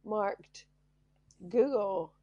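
A woman talks casually as a podcast co-host, sounding under the weather and tired. Her pitch is average and her delivery is matter-of-fact with dry wit. The recording is very dry, free of room echo. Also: drawn-out words, dark tone, dull audio. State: sick, tired.

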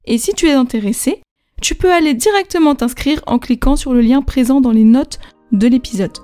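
Lady teaching on her podcast, warm and kinda high, drags out example words. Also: faint music behind. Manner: lively, clear teaching with slow, spelled-out examples. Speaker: French teacher and podcast host. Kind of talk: podcast language lesson.

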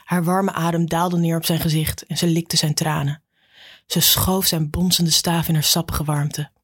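A woman narrates an audiobook in a husky, fairly low voice. Her reading is calm and unhurried. The recording is close and dry. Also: no echo.

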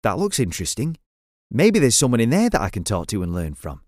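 A man's voice: medium pitch, huge pitch swings, fairly quick, a little mellow, no echo, clean studio sound. A man voicing an earnest, curious adult space captain who talks in a raised, eager voice.

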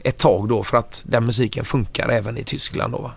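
A middle-aged man, a touring musician, telling anecdotes in a casual, animated way. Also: medium pitch, vocal fry, husky. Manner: animated, acts out quoted lines in a raised voice.

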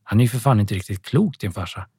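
A man voicing a blunt, protective young man in an audiobook, a little louder than his narration. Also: on the low side, expressive, breathy edge, no room sound, clean studio sound, exaggerated voice. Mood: firm.

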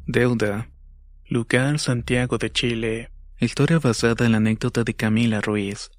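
A man giving a slow, measured scripted narration of a horror story. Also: fairly low pitch.

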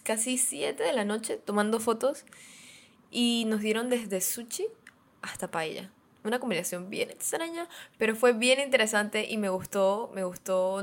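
A young woman, hosting a podcast and telling casual personal stories in a chatty, animated way, often repeating phrases for effect. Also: mid-range voice. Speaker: podcast host. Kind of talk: casual storytelling chat.

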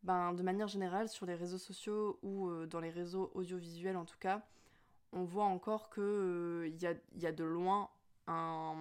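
Young woman musing out loud, kinda low voice, lots of ums and restarts. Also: smooth. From Spanish and Portuguese family. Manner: hesitant, many fillers and restarts. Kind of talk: personal reflective monologue.

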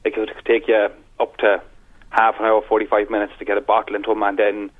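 A man, casually and haltingly explaining as a phone-in guest. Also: fairly low pitch, completely flat delivery. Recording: dull telephone line on radio.

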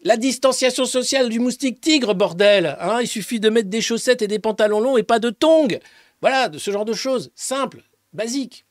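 Male press-review host with a high, dry voice; mocking, swears a lot, swings from loud jabs to mumbled asides. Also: animated, normal speed, dry recording. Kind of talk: casual sarcastic press commentary.

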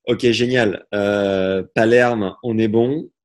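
A man with a somewhat low voice hosts a relaxed interview. He builds his questions slowly, with hesitations and fillers. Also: background noise. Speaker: host. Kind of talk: casual interview.

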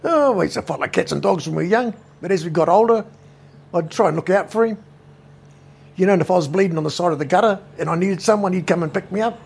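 A heavily gravelly, rough-edged man's voice sitting a touch high for a man. He speaks with a New Zealand accent and looks to be in his fifties. He tells rambling family anecdotes bluntly, with swearing all through. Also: fast, darkish tone. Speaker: interviewee, brother. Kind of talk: casual storytelling interview.

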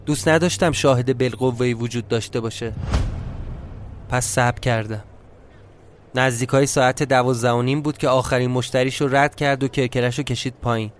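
A man's voice: mid-range voice, steady tone. A man reading a dramatic first-person audio story as a brooding, tense inner monologue, with faint music behind. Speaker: narrator and storyteller.

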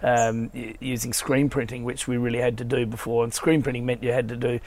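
A man with a croaky voice from a cold, chatting casually and telling rambling anecdotes as a podcast guest. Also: mid-range voice, level tone, a little fast, a little mellow. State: has a cold. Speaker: podcast guest, family business owner. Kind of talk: casual conversational interview.

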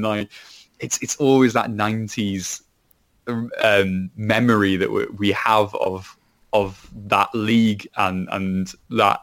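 A Welsh man co-hosting a podcast chats casually about football, rambling with many restarts. His voice has a fairly low pitch and a fairly bright tone.

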